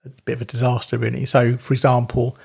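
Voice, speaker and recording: A man's voice: mid-range voice, monotone, fast, gravelly, a little mellow, slightly rough. A man co-hosting a podcast, chatting and joking with fillers. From England. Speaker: podcast co-host. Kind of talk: casual chat.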